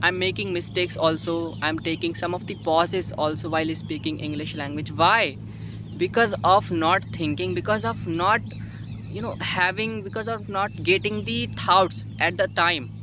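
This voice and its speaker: A man with an Indian accent, whose first language is Hindi, hosts an English-learning video in which he, a learner himself, gives viewers informal advice in a steady, high-pitched voice. He speaks haltingly and emphatically, pausing and repeating phrases and often tagging on "you know" and "okay." Outdoor noise is clearly audible behind him.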